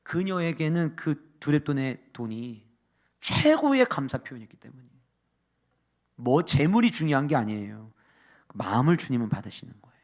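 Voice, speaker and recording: Male pastor mid-sermon, expressive delivery swinging from loud emphasis to near-whispers. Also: medium pitch. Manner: dynamic preaching, rising to loud emphatic peaks and dropping to hushed asides.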